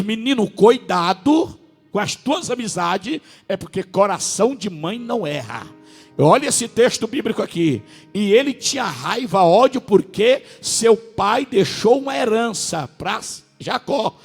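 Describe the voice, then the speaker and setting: A male pastor preaching a sermon, with a northern Brazilian accent, a raspy voice, and sudden shouted peaks between drawn-out words. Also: high-pitched, expressive, in a large hall, faint music behind. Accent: Brazilian Portuguese, northern.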